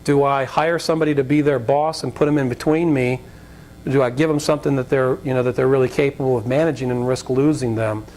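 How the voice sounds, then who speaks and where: Before a college audience, a slightly raspy-voiced American business leader speaks as a guest, joking, telling anecdotes, drifting off on tangents, and taking questions in a conversational lecture. He talks quickly in a darkish tone with fairly even intonation, recorded live with rumble and background noise.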